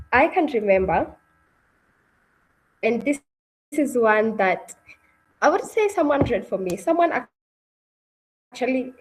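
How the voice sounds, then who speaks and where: A woman with a high, slightly rough voice hosts an online session informally, and the audio quality is poor. As the webinar host, she keeps asking her listeners questions and checking in with them again and again.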